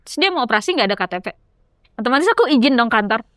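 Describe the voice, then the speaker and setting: Quick, animated young woman storyteller. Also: fairly high pitch, no echo, studio quality. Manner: lively, acts out quoted dialogue. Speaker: podcast guest. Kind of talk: casual storytelling chat.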